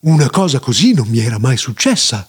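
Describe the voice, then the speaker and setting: A man's voice: medium pitch, very animated, fairly quick, breathy edge, pitched below the performer's own voice. A man voicing a pompous, self-important elder who is the nearsighted chief sage of his village, deliberating aloud in a grand way.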